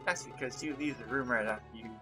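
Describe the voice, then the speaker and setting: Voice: medium pitch, quick pace. A game reviewer reading game dialogue aloud, switching between the lines of two bickering characters. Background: game music.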